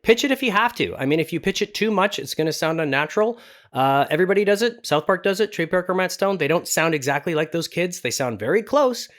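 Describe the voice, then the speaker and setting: This male tutorial host, a voice actor, has a rather high, fairly bright voice. His teaching style is relaxed and informal, with a bit of humour at his own expense.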